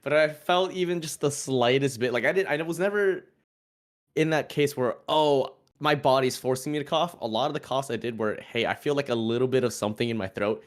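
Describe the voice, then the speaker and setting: Man, raspy voice, sore throat, casual podcast talk, mid-pitched. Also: a little fast. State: throat still sore after illness. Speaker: podcast co-host. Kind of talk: casual chat.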